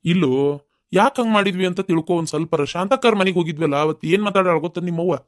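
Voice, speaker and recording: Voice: mid-range voice, rapid-fire, close to an everyday voice. A performer voicing a worried, complaining older father-in-law in a comic cartoon, with a North Karnataka accent. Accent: North Karnataka Kannada. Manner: fretting, complaining.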